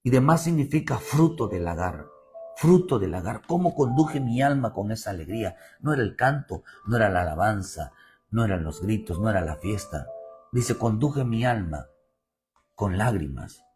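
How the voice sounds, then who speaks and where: A man's voice: fairly low pitch, animated, normal speed, darkish tone, faint music behind. A male pastor with a Mexican Spanish accent, preaching a sermon with repeated phrases and swelling emphasis, often calling the listeners "brother". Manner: preaching with repetition and rising emphasis, addressing "hermano".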